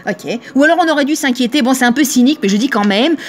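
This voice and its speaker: A woman's voice: high voice, expressive, fast, faint music behind. A woman in her thirties, a shop owner, talking casually to camera in a chatty, teasing way and acting out the voices she quotes. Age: 30s.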